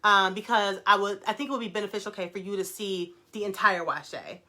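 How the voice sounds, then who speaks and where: A middle-aged woman hosts a casual live stream, her voice bright and clear. She talks quickly and with excitement, reading viewers' questions aloud and answering each one warmly. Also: mid-range voice. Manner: fast-talking, excited, reads viewer comments aloud. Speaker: brand owner hosting a live stream.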